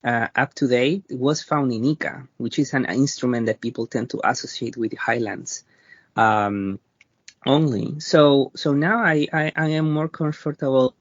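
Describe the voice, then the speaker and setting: A man with a Peruvian accent speaks at a medium pitch, taking his time and reshaping his sentences as he thinks. His answers come across as a thoughtful interview. The recording is dry and slightly dull, like a lo-fi line. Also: no echo. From Peru. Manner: thoughtful and halting, often pausing and restarting. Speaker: interview guest, researcher.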